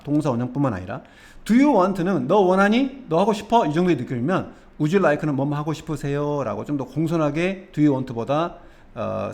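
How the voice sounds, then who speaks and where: A man's voice: fairly high pitch, darkish tone. A man teaching English expressions, explaining nuances patiently and step by step, often asking the viewer questions.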